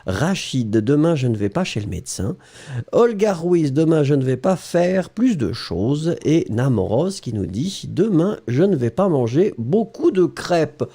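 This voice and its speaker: A man's voice: very animated, measured pace, mellow, slightly rough. A man teaching French in a live lesson, reading viewers' comments aloud in a playful way and laughing often. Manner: playful, laughs often, exaggerated pitch swings.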